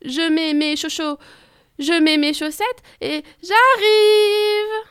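A woman's voice: very high voice, fairly even intonation, slow, fairly bright tone, no room sound, clean studio sound, pitched above the performer's own voice, exaggerated voice. A woman voicing a shy, timid male wolf who stammers politely in a storybook. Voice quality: timid, hesitant. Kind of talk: storybook reading.

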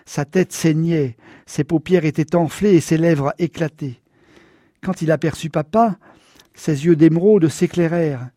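A man's voice: fairly high pitch, unhurried, dark tone, no echo, clean studio sound. Man reading a somber audiobook. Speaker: audiobook narrator. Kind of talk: scripted first-person narration.

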